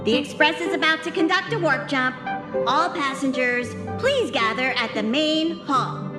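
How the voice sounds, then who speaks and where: A woman voicing a formal train announcer in a game, calling over the ship's loudspeaker and repeating the call. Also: high voice, unhurried, roomy sound, music in the background. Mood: announcing. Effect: ship loudspeaker announcement. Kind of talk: game voice acting.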